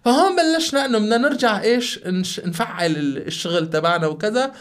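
A man with a Syrian Arabic accent telling a personal story in conversation, halting and repeating the starts of his words. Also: sits high, animated. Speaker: podcast guest.

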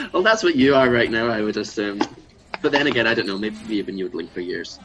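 A man's voice: lowish voice, big pitch swings, a little fast, background noise. A man from Scotland, a podcast guest in an improvised comedy chat, playful and self-mocking with hesitant fillers.

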